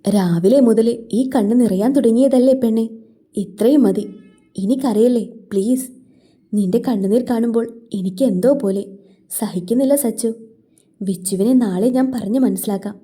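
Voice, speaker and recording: A woman voicing a gentle, caring elder brother and husband who speaks softly and soothingly. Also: sits high, normal speed, natural voice.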